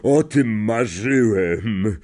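A man voicing a huge, gruff but big-hearted gamekeeper with a rustic, emotional way of talking. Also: fairly low pitch, expressive, very slow, darkish tone, heavily acted. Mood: moved.

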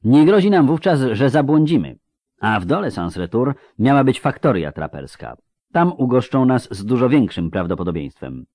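A man voicing a calm, know-it-all male vampire in a read-aloud story, in a lecturing tone. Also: mid-range voice, normal speed, hardly any pauses, no room sound, clean studio sound, voice pushed up.

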